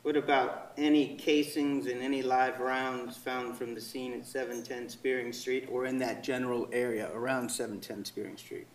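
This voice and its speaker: A male attorney questions a witness in a formal, methodical way, step by step. His mid-pitched voice sounds far from the microphone in a very echoey courtroom. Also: level tone, moderate pace, hardly any pauses. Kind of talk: courtroom direct examination. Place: indoor courtroom.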